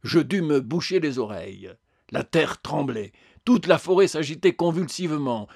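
A man narrates a story at a steady, measured pace. His voice sits fairly high for a man. The recording is close and dry, with no room in it. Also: gravelly, husky, no echo. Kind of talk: audiobook narration.

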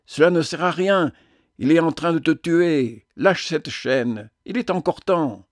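A man voicing a gentle, loving woman who pleads tenderly and earnestly. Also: on the high side, a little slow, dry recording, studio quality, voice pushed up, close to an everyday voice. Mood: urgent pleading.

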